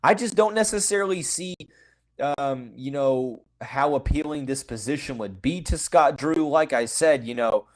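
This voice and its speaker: Male sports podcast host, mid-pitch, casual and blunt, lots of fillers. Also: low-quality recording. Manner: heavy use of "you know" fillers and restarts; frank, opinionated, says he calls it as he sees it. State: has the hiccups. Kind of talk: casual sports talk monologue.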